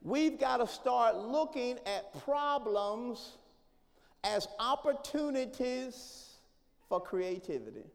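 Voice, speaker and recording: A pastor preaching a sermon, calling for responses and swinging between soft talk and hollering. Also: male voice, very high-pitched, animated, slow pace, vocal fry. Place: church sanctuary. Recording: long reverb of a church hall.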